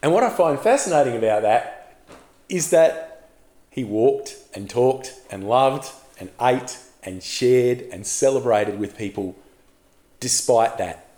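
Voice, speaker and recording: Slow-speaking male pastor in an echoey room. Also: mid-range voice. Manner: animated storytelling, asks the congregation questions. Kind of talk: sermon.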